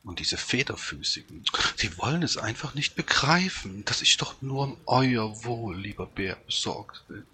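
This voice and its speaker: A man's voice: mid-range voice, measured pace, hardly any pauses, pitched above the performer's own voice. A man doing a fawning, sly fox. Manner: wheedling, flattering, sing-song. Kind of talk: storybook reading.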